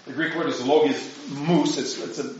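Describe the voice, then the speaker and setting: A man's voice: medium pitch, steady tone, moderate pace. A man, a priest, giving a conversational talk to a group, often tossing in rhetorical "right?" asides. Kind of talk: informal lecture to a group. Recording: very echoey room, dull lo-fi sound.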